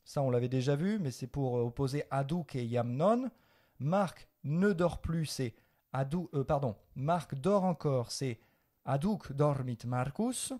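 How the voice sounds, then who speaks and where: A man from France leads a living Latin lesson, switching between Latin and French as he explains. His voice is mellow, and he corrects mistakes patiently. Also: medium pitch, expressive, measured pace. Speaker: Latin teacher. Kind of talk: spoken language lesson.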